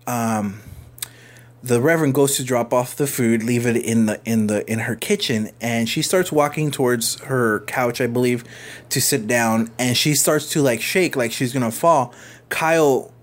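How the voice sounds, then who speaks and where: Rambling man reviewing comics. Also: medium pitch. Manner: rambling, many fillers and restarts. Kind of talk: casual review vlog.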